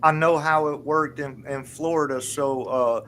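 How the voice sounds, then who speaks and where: A man's voice: fairly high pitch, steady tone, unhurried, over a noisy crowd. A man in a casual stream chat who talks emphatically and often ends his phrases with "man.". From Louisiana. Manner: emphatic, repeats "man", confident predictions.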